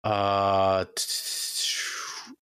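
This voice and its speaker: A man's voice: low-pitched, completely flat delivery, drawn-out words, pushed and bright, clean tone, dry recording, studio quality. A man in casual chat, answering quiz questions in a hesitant way, full of fillers. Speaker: guest.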